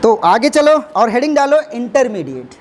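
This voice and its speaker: A man's voice: extremely high pitch, very animated, normal speed, slight background noise. A male chemistry teacher gives a classroom lecture at the board, explaining step by step and addressing students affectionately.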